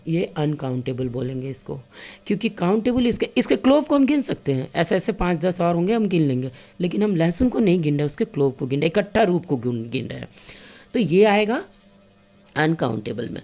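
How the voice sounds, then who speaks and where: Woman teacher for young kids; patient, repetitive, warm low tone, terms her speech. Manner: patient, repeats and counts aloud with objects. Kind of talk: classroom lesson for children.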